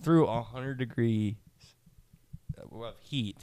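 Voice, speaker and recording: A young man co-hosting a podcast, talking in an animated way, swearing often and cutting in. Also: mid-range voice, takes it slowly, smooth, dry recording. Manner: animated, swears a lot, jumps in. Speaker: podcast co-host. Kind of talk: casual chat.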